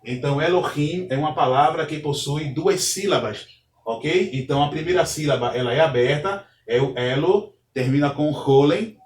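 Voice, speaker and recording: A man's voice: a little high, moderate pace. A man teaching a grammar lesson, explaining step by step and checking in with "ok?" as he goes. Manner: methodical, repeats points, checks in with "ok?". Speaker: Hebrew teacher. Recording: echoey room, distant from mic.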